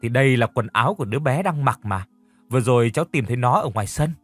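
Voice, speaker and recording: A man voicing a breathless, excited young man who blurts out news in a hurry. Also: medium pitch, no room sound, faint music behind, lightly acted. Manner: hurried, breathless.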